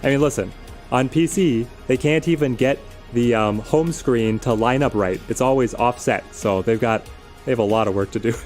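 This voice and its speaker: A man's voice: medium pitch, normal speed, a little mellow. A man giving casual live game commentary as a streamer, thinking aloud and explaining strategy in a conversational way. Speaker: game streamer answering viewers' questions. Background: music.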